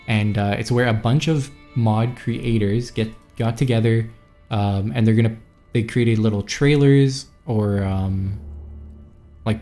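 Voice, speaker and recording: Warm-toned and fairly low-pitched, this Montreal man hangs out casually with his live stream audience, wandering from topic to topic and reading out the chat as he goes.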